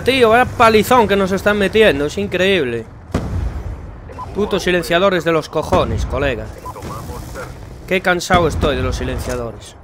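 A young man with a Spanish accent from Spain, commenting on his own gameplay in a frustrated, sarcastic way and swearing a lot. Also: high voice. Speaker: gaming channel host. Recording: game noise and gunfire behind.

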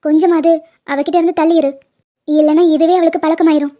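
A woman's voice: sits high, fairly even intonation, fast talker, natural voice. A woman doing a bossy, protective college girl. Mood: warning. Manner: scolding, lecturing. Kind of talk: animated cartoon voice acting. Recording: dull lo-fi sound.

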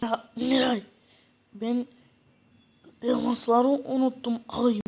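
A gloomy poor man who sighs and moans about his lot, voiced by a woman, talking slowly in a husky, fairly high voice. He drags his words out in a whiny drone. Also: level tone, darkish tone. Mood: gloomy complaining.

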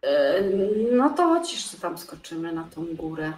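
Woman chatting over a game, kinda stuffy, halting, roomy sound from off the mic. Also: sits low, big pitch swings, recorded from a distance. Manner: hesitant, thinking aloud. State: stuffy nose. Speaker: co-host of a game let's play. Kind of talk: casual chat while playing. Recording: echoey room, off-mic, faint hiss.

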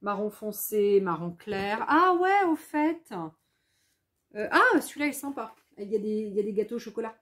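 A woman chatting casually at home as she shows scrapbooking products. She thinks aloud, repeats her words and reads English labels slowly. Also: mid-range voice, very animated, a bit bright. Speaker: scrapbooking vlogger. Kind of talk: casual haul chat, showing products.

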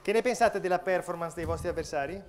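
A man's voice: high voice, quick pace, crowd noise, background noise. A man hosting a live quiz show on a stage. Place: stage in a hall with seated audience.

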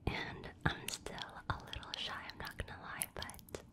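A young adult woman doing ASMR, whispering softly very close to the microphone, with kissing noises between phrases. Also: moderate pace. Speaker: ASMR host. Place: small indoor room at home. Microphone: two studio microphones, very close.

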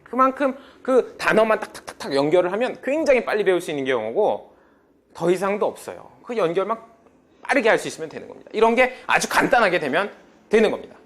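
Lively male English teacher drilling a class. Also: sits high, fast. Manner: drills students with prompts and repeats.

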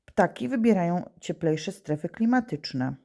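A female primary school teacher, her lowish voice gravelly, dark and expressive, teaches children remotely at a measured pace. She asks questions patiently and answers them herself.

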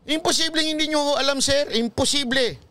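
A man's voice: very high voice, normal speed, no room sound. A Filipino man, a pastor, giving emphatic, preachy talk-show commentary with a Filipino accent and tagging his lines with "ha?". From Philippines. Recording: loud music playing behind the voice.

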